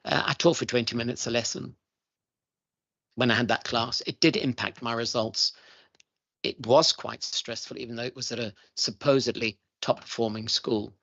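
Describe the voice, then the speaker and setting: Testifying before a parliamentary committee as chief schools evaluator, a middle-aged man speaks earnestly and emphatically, going back over his key points. He has a steady, fairly bright mid-range voice at a moderate pace, with no room sound, though the committee room audio is dull and lo-fi.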